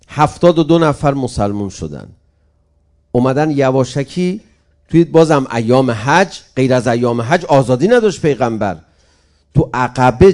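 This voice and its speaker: A man's voice: medium pitch, darkish tone. A male preacher giving an emphatic sermon, speaking directly to his congregation and moving into a mourning recitation.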